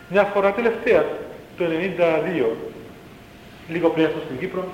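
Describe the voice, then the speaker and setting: Brief: male monk storyteller, lively and animated, higher-pitched, recorded in an echoey hall, dull sound. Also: a little hiss or hum. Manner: animated storyteller, acting out the quoted voices. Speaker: monk recounting memories of an elder. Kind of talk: spoken storytelling talk.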